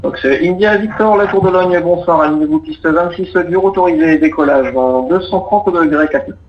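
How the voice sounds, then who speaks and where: Speaking at a normal pace, the man has a fairly high pitch. He works air traffic control, politely giving procedural instructions and explanations on the radio, and the recording is muffled and roomy with slight background noise.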